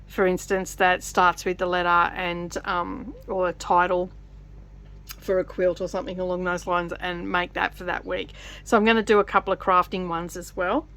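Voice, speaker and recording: A woman's voice: on the low side, fairly bright tone. A woman hosting a chatty craft vlog, talking loosely with many fillers and restarts while she stitches and stops to count. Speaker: vlogger. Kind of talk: casual chat while stitching.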